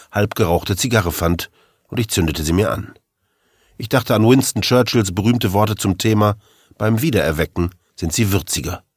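A man's voice: on the low side, breathy edge, dry recording. A man narrating a first-person crime story as an audiobook in a dry, wry way.

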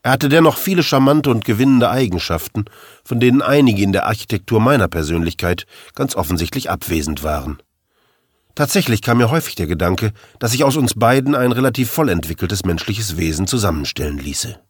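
A man with a very low voice reads a first-person crime story aloud. His delivery is dry and wry, like a deadpan storyteller. The recording is close and dry, with no room sound. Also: brisk, slightly rough, no room sound. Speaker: narrator. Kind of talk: scripted audiobook narration.

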